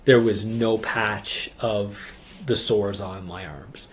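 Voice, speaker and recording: A man telling his personal conversion testimony in an earnest, halting way, repeating phrases and often saying "like". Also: on the low side, steady tone. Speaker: speaker giving a religious testimony.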